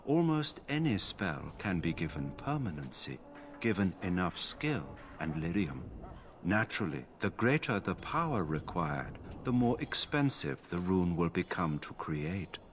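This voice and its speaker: An actor playing a calm, emotionless male mage enchanter in a video game, speaking in a flat monotone. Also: low-pitched, measured pace, slight background noise. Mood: detached. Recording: game audio with music behind.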